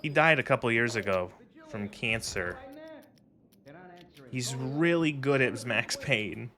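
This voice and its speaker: A man's voice: medium pitch, lively intonation, slow pace, crowd noise. A man giving casual, rambling, sweary commentary as he streams a video game.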